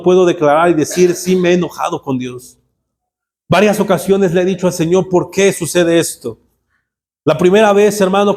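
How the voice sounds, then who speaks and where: A man's voice: sits high, darkish tone. A man preaching a sermon as pastor, speaking emphatically, often calling the listener "brother" and acting out quoted prayers and rebukes. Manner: acts out quoted dialogue with God and the devil.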